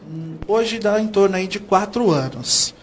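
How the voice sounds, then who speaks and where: His high, expressive voice moves at a measured pace, with a little hiss or hum audible. He's a Brazilian from São Paulo state, a guest educator on TV, explaining in earnest and regularly asking questions before answering them.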